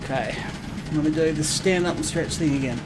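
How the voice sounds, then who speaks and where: A man's voice: a little high, brisk, very noisy. An Australian man giving casual, slangy solo commentary to himself while driving in a racing game. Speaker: sim racing driver. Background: loud racing car engine sounds.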